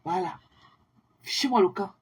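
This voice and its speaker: A woman's voice: medium pitch, moderate pace, breathy edge. A young woman livestreaming a scornful, taunting rant at her critics, slipping in English phrases. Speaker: social media livestreamer. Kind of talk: ranting monologue to viewers.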